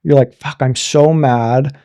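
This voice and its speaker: A man's voice: medium pitch, steady tone, a little slow, warm tone. A man in his thirties co-hosting a podcast, talking frankly and casually, joking and thinking aloud with restarts. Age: 30s. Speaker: podcast co-host. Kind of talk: casual chat.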